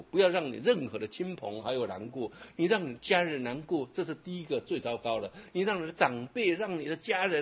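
A Buddhist teacher preaches with a husky, slightly high voice that swings widely in pitch. He presses his points with repeated exhortations and rhetorical questions. The recording is muffled and lo-fi. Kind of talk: dharma talk.

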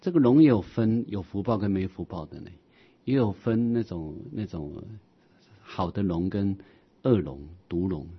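A man teaching a Buddhist sermon on scripture, explaining as he goes, with many drawn-out "ah" fillers and rhetorical questions. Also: sits low, animated, breathy edge, lo-fi sound.

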